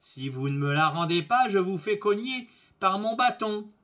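A man voicing a bold young peasant lad in a fairy tale, making loud, commanding threats. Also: sits high, animated, normal speed, voice pushed up.

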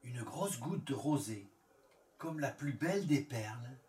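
A man reading a fairy tale aloud in a calm, measured storytelling manner. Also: medium pitch. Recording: echoey room, far from the mic.

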